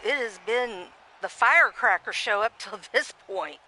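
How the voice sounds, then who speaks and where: Bright-voiced woman calling simulated wrestling. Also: medium pitch, expressive, a little slow, a little hiss or hum, poor audio. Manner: chatty, rambling, with frequent restarts and reading viewer comments aloud. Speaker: play-by-play commentator. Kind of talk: casual commentary on a simulated wrestling match.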